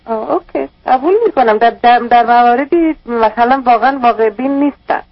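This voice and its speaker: A woman's voice: a little high, dry recording. A woman calling a radio advice show, talking in a distressed, rambling way about her troubles. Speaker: caller. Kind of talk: call-in radio conversation. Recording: dull lo-fi radio broadcast.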